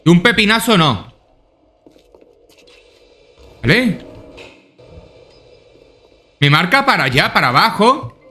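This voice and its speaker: A man's voice: high voice, sing-song, slow pace, long pauses, bright, forceful tone. A man doing casual let's-play commentary, swearing often and thinking aloud to himself. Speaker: gaming YouTuber.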